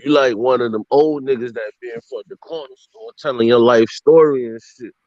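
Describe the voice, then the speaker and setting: A man's voice: medium pitch, fairly quick, a little mellow, no room sound, dull audio. A man with a Brooklyn accent bantering casually in street slang, teasing and repeating himself as he cuts in. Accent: Brooklyn, New York. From Brooklyn, New York, USA. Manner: repetitive, teasing, interjecting.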